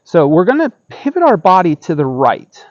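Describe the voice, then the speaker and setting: A man's voice: high voice, sing-song, normal speed, no room sound, lo-fi sound. A middle-aged man giving casual step-by-step tai chi instruction, explaining and often checking in as he goes. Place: outdoor wooden deck by trees.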